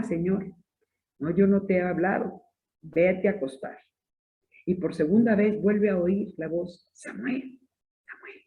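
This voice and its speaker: A man giving a catechesis talk to a congregation, explaining and checking in with his listeners. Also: high voice. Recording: echoey room on a tinny lo-fi line.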